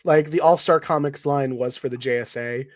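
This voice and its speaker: A man's voice: mid-range voice, moderate pace, dry recording, clean studio sound. A man in a casual group podcast chat, explaining details in an easygoing way.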